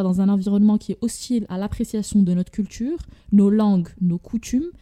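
A young woman from Morocco with a Moroccan accent, hosting a casual podcast chat and telling stories in a lively way, slipping in Darija and English words. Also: mid-range voice. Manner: animated storytelling, mixing in Darija and English words. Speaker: podcast host.

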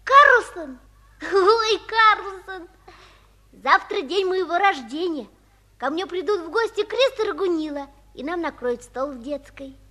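A woman's voice: very high-pitched, expressive, moderate pace. A woman playing an earnest, wistful seven-year-old boy in a 1950s Soviet radio play, with childlike, pleading eagerness. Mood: excited. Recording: 1950s radio drama recording.

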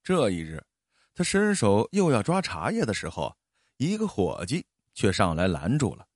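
A man telling a traditional story in an expressive narrating voice, with dramatic rises and falls. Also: fairly low pitch, moderate pace, husky, no room sound, clean studio sound.

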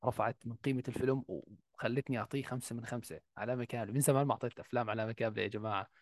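A man's voice: medium pitch, steady tone, racing, no echo, studio quality. A man with a Levantine Arabic accent in a casual film discussion, speaking as a podcast panelist.

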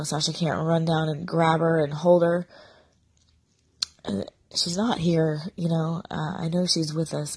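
Middle-aged woman, hoarse raspy whisper. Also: low-pitched, a little mellow, no echo. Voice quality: raspy whisper from a nearly lost voice. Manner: halting, subdued, sincere. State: sick with sore throat, voice almost gone. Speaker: vlogger addressing followers. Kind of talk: confessional casual monologue.

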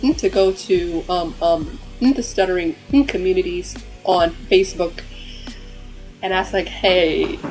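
Slow-talking woman with a heavy stutter. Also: fairly low pitch, little pitch movement, a little mellow, faint music behind, poor audio. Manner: stutters heavily with repetitions and blocks. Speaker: interview guest, author. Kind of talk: casual interview conversation.

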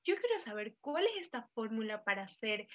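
A woman's voice: on the high side, sing-song, normal speed, lo-fi sound. A woman co-hosting a podcast in casual, playful chat, sometimes acting out listeners' voices. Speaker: podcast co-host.

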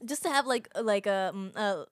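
A woman's voice: medium pitch, moderate pace, no echo. A woman in her twenties co-hosting a podcast, chatting casually, laughing often and filling her talk with "like". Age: 20s. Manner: giggly, animated, lots of fillers. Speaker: podcast co-host. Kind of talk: casual chat.

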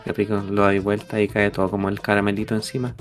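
A man's voice: fairly low pitch, completely flat delivery, quick pace, faint music behind. A man with a Chilean accent telling jokes and stories in a casual podcast chat. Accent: Chilean Spanish. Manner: joking storyteller, playful voices in quotes. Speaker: podcast host.

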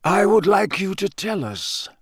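A calm, wise old headmaster speaks gently and deliberately, as a man puts him on in an audiobook. His tone sits somewhat above the reader's own, lifted and patient, in a close and dry recording. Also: high voice, slightly rough, no room sound, pitched above the performer's own voice, heavily acted. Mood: gentle. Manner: measured, explanatory, soft-spoken. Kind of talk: audiobook character voice.

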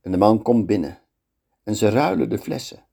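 A man's voice: lowish voice, creaky, slightly rough. A man telling a fairy tale aloud. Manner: slow and lively storytelling. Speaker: storyteller.

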